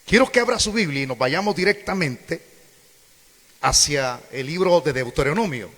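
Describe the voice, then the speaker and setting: A man's voice: on the high side, animated, normal speed, fairly bright tone. A man preaching a sermon, questioning the congregation and acting out quoted voices. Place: church hall. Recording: echoey church hall.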